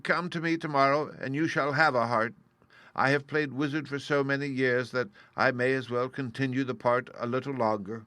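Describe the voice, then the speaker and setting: A man's voice: mid-range voice, steady tone, normal speed, pushed and bright, no room sound, voice pushed up, close to an everyday voice. A man reading aloud and voicing a meek, apologetic humbug wizard who admits he is no magician. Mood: confiding.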